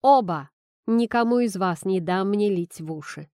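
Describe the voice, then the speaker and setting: A woman's voice: mid-range voice, moderate pace, smooth, dry recording, studio quality, close to an everyday voice. A woman voicing a frightened but defiant young woman holding a gun, her voice trembling as she threatens. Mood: tense defiant. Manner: shaky, shouting threats.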